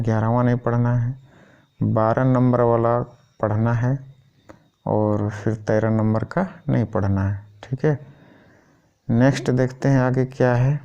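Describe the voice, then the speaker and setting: A man's voice: medium pitch, gravelly, warm tone, smooth, dull audio. A man going through a school syllabus item by item in an informal teaching style, often checking in with the listener. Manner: keeps repeating "thik hai" as a check-in.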